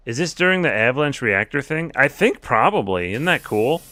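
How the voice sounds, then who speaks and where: A man's voice: mid-range voice, very animated, normal speed, sharp tone, dry recording. A man streaming a video game, chatting casually with jokes and swearing as he plays. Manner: chatty, joking, profane. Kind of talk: casual gameplay commentary.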